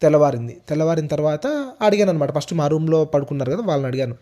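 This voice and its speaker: Young guy telling his own ghost story, slightly high voice, mellow tone, keeps repeating himself. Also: racing. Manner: casual, repetitive retelling with hesitant restarts. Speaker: storyteller host. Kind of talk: first-person ghost story narration.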